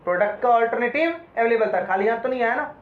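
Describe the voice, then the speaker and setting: Speaking fast in a very high voice, this man lectures a law class, switching between Hindi and English terms and putting questions to his students throughout. He frequently quizzes them and addresses them as "beta." The audio is dull and lo-fi, with room echo.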